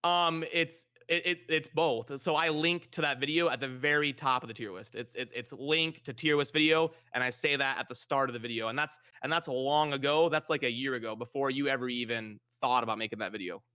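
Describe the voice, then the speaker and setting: A streamer and content creator hosts a casual conversational debate, often repeating words as he pushes his point out. His mid-range voice is bright, clean, and forceful, moving a little fast with hardly any pauses.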